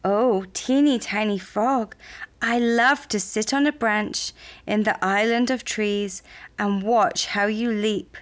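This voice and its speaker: A woman's voice: medium pitch, steady tone, slow pace, close to an everyday voice. A woman voicing a bluebird who fondly praises the frog, in a children's puppet show. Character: admiring beautiful bluebird.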